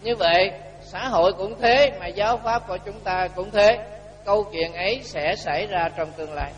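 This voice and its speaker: A man's voice: sits high, normal speed, muffled recording. A man giving a Buddhist sermon, telling a story and acting out the dialogue. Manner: lively storyteller, acts out dialogue with rising and falling volume. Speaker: Buddhist monk giving a dharma talk. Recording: echoey hall with faint hum.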